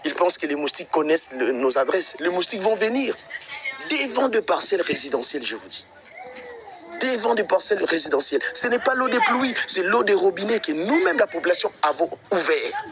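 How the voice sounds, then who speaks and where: A man's voice: high voice, big pitch swings, fairly quick, a crowd in the background. A man out of breath, walking residential streets outdoors and talking to his livestream viewers in an exasperated, repetitive way. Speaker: livestream vlogger.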